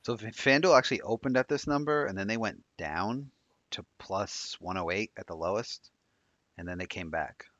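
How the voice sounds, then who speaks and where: Thirties man, very low voice, quick chatty odds talk, dry lo-fi sound. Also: fairly bright tone, no room sound. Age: 30s. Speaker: sports betting show co-host. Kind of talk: casual live-stream chat. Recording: dry, dull lo-fi mic.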